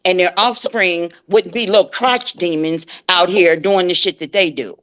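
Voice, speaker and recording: A woman's voice: on the low side, moderate pace, a bit bright, highs cut off. A woman in a casual live group chat, fiery, slangy and profane. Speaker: panelist.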